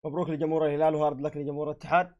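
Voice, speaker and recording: Guy yelling at his team during a live match reaction, talks super fast, high voice. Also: highs cut off. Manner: excitable, exclaiming, heckling players. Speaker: football fan reacting to a match. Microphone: own desk microphone.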